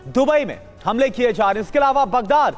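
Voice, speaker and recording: A woman's voice: fairly high pitch, lively intonation, brisk, soft background music. A woman anchoring a live television news broadcast, reading breaking updates and putting questions to guests.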